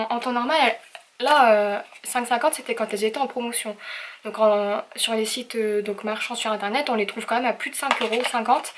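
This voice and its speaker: A woman's voice: a little high, fairly bright tone, slight background noise. Chatty young woman with many fillers. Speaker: craft vlogger. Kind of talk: casual haul video.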